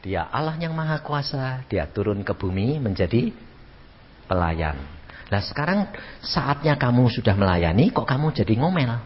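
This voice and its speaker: An elderly man preaching a sermon, jokey and animated, jumping between shouts and hushed asides. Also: medium pitch, moderate pace, slight background noise. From Indonesia. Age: 70s or 80s. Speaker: evangelist preacher. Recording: lo-fi recording in a reverberant hall.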